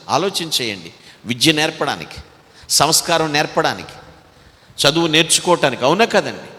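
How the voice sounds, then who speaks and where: A man with a Telugu accent preaching a sermon as pastor, swinging between loud exhortation and quiet, low asides. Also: big-room sound.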